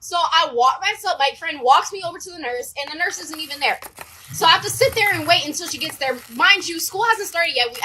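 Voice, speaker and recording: A young adult woman telling a storytime vlog in an animated, slangy way, swearing and talking straight to her viewers. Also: high voice, slight background noise, low-quality recording. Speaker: vlogger.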